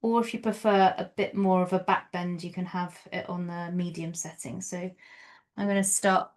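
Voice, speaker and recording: Gentle woman guiding yoga. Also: on the low side, steady tone. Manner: gentle, unhurried guiding with soft pauses. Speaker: yoga teacher. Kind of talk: guided yoga and meditation instruction.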